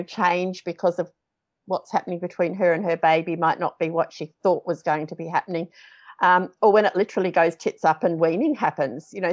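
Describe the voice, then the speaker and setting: Chatty woman podcast host, slightly dull audio. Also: fairly low pitch. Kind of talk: casual conversational interview.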